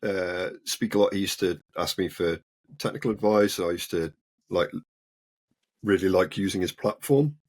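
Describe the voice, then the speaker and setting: Very deep voiced guy, guest on a podcast, chill explaining. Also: moderate pace, darkish tone. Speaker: guest, cyber security researcher. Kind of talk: casual interview.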